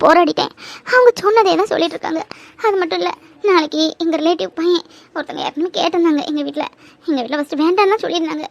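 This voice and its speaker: A woman voicing an anxious young woman in a cartoon, pleading and tearful. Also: extremely high pitch. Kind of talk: cartoon voice acting.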